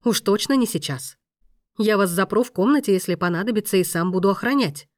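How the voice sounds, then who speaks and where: Woman doing a stern, composed maestro, low and firm, dry audiobook read. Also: brisk, no echo, lightly acted. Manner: calm, firm, lowered voice.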